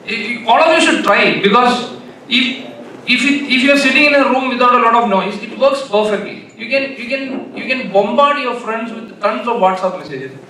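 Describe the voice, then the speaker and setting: A male keynote speaker with a Malayalam accent gives an informal conference talk full of anecdotes, his voice bright and set high. His delivery halts and repeats phrases, and the distant mic picks up an echoey hall with faint noise.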